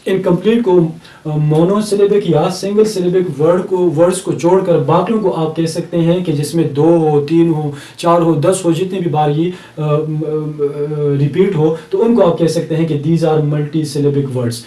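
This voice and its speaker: A male English teacher with a Pakistani accent giving a recorded lecture, explaining step by step and repeating example words slowly. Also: on the high side, dark tone. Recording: echoey room, mic at a distance.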